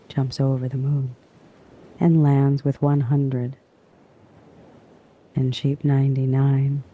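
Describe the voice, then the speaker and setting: This guided sleep hypnosis is narrated by a man whose medium-pitched voice stays hushed and calming. He draws phrases out and pauses at length, and the recording is muffled.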